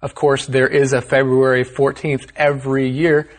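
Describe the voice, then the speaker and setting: A man hosting an English lesson, explaining words with a clear, upbeat teacher delivery. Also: medium pitch, little pitch movement, normal speed. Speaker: host. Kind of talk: explaining vocabulary to learners.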